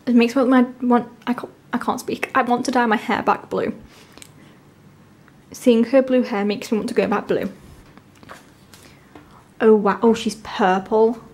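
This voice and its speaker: A woman with a fairly high voice talks through an unboxing in a casual, gushing way. Her throat sounds sore, as if speaking through swollen tonsils with tonsillitis, yet she stays enthusiastic. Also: little pitch movement, measured pace, long pauses, darkish tone. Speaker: unboxing video host. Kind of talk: casual excited unboxing commentary.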